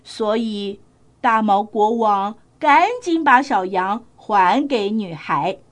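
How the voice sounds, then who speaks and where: A woman telling a story to children in a gentle, coaxing manner, speaking directly to her young listeners. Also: medium pitch, lively intonation, takes it slowly.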